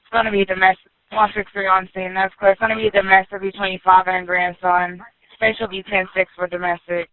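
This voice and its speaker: High flat man dispatching over walkie-talkie. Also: smooth. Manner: clipped, brisk code-speak. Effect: heard over a police walkie-talkie radio. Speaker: police dispatcher. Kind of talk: police radio traffic. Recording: tinny, dry radio channel.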